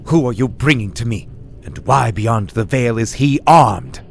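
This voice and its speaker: A man voicing a fierce young woman gang leader who talks in a sharp, demanding, cutting way. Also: low voice, lively intonation, normal speed, soft background music. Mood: furious.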